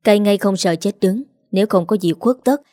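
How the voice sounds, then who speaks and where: A sharp, probing young woman, read by a woman. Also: mid-range voice, brisk, dry recording, clean studio sound, natural voice. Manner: pointed and probing. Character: sharp, suspicious young woman confronting liars.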